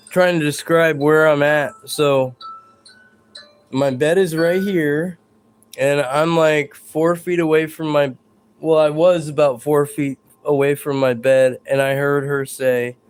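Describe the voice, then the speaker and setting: A man's voice: on the high side, steady tone, takes it slowly, faint music behind. A man hosting a live stream at home in his bedroom, chatting in a rambling, hesitant way with viewers and the spirits he says are near. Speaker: livestream host. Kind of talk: live paranormal stream chat.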